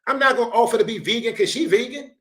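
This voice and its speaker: A man hosting a show, reacting to a clip with animated, slangy, preachy advice. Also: very high-pitched, fast. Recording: roomy echo.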